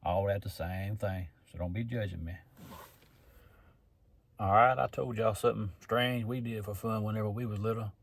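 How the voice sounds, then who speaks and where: Southern US man, camping vlogger, relaxed folksy drawl, somewhat low voice. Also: normal speed, creaky, slightly rough. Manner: folksy, drawling, laid-back. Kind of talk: casual vlog talk to camera. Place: camper in a pine forest.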